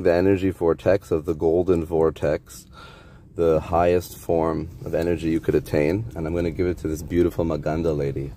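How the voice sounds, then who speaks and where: A man filming a rambling, spiritual vlog from his car at a drive-through, talking to himself with bursts of excitement. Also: sits low, a little hiss or hum. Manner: spiritual, excitable, talks to himself while driving. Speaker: vlogger. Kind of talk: rambling self-filmed vlog. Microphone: phone held in a car.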